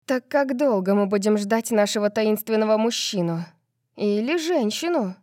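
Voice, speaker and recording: A woman reading the lines of a nervous young female student in an audiobook, hushed and uneasy. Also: mid-range voice, lively intonation, normal speed, no echo, clean studio sound, close to an everyday voice.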